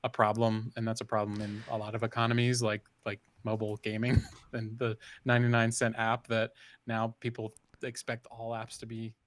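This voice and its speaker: A man's voice: lowish voice, monotone, moderate pace, dry recording. A man co-hosting a design podcast, chatting casually in an easygoing way and laughing often. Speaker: podcast co-host. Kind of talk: casual chat.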